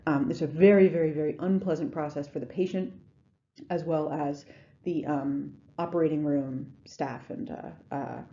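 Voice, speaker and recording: A woman's voice: low-pitched, fairly even intonation, normal speed, mellow, muffled recording. A woman giving a recorded lecture in a conversational way, with frequent ums and restarts. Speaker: instructor.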